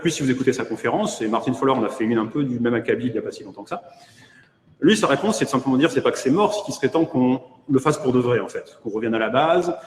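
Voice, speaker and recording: A man's voice: mid-range voice, slight background noise. French man giving an echoey online keynote. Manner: hesitant, many fillers, wry asides. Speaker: conference keynote speaker. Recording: echoey room with long reverb.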